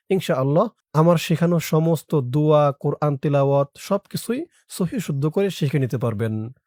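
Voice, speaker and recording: A Quran teacher giving an online recitation lesson, spelling each word syllable by syllable, reciting slowly and drawn out, with quicker asides that explain the pronunciation rules. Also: mid-range voice, dark tone, dry recording, studio quality.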